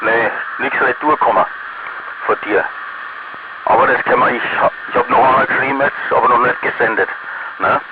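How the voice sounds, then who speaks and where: A man giving a halting, casual amateur radio station report over walkie-talkie from inside a van, often repeating himself. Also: mid-range voice. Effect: two-way radio, walkie-talkie. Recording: very noisy, tinny mobile radio link.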